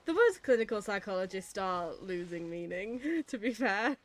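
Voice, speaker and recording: A psychologist streams a game, talking in a casual, chatty, wry way with a British accent. Her voice is medium in pitch and expressive, her pace moderate, with faint music playing behind her.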